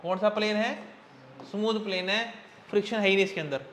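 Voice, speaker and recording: Bright high-voiced male physics teacher. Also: fairly even intonation, slight background noise. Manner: quizzes students constantly, coaxing and brisk. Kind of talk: classroom lecture. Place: classroom.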